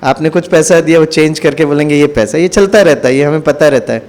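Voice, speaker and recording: A man giving a spiritual talk to an audience, telling a story in a lively way and acting out the dialogue. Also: on the high side, fast. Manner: animated, acts out dialogue. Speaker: spiritual speaker.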